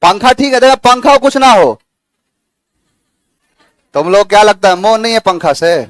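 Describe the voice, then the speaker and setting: A man with a very high voice lectures a classroom in a chatty, coaxing way, repeating key words and spinning playful memory tricks. The sound is dry and close. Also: animated, moderate pace, dry recording. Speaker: English teacher.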